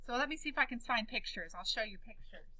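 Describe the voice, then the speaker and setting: A woman teacher telling her class a personal story, animated and often checking in with questions. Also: a little high, fast talker, low-quality recording.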